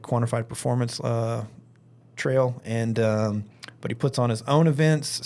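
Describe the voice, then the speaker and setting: A man's voice: medium pitch, gravelly, darkish tone. A man from Alabama talking casually as a podcast guest, rambling informally and leaning on filler words like "like" and "you know". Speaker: firearms instructor and event organiser, interview guest.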